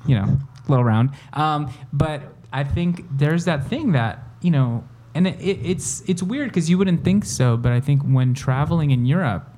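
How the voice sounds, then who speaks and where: A young man from El Salvador in casual conversation, talking reflectively with many pauses and fillers. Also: a little high, animated, dark tone, a little hiss or hum. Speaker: conversation partner. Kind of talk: casual chat.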